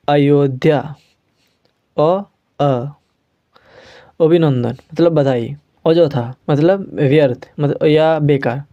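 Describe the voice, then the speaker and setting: A man with an Indian accent teaching a language lesson, patiently repeating sounds slowly for learners. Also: a little high, dark tone, lo-fi sound.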